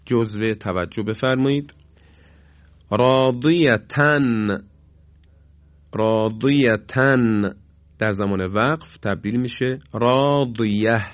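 A man gives a recitation lesson. He explains in a steady, middle-pitched voice and lingers over each example word, drawing it out. The recording is dry and somewhat muffled. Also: dry recording. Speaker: Quran recitation teacher. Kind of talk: recorded lesson on pausing rules in Quran reading.

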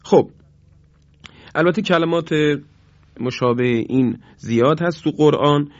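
A male teacher giving a Quran recitation lesson on a broadcast program. He explains the rules politely and formally, then says each Arabic example word slowly and drawn out. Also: a little high, no echo, dull audio. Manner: slow, drawn-out demonstration of Arabic words.

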